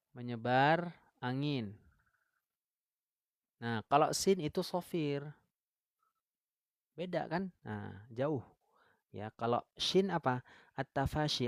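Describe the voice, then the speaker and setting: A man's voice: medium pitch, dry recording. Man teaching recitation, dry sound. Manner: explains step by step, drills syllables slowly, asks viewers questions. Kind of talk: online tajwid lesson.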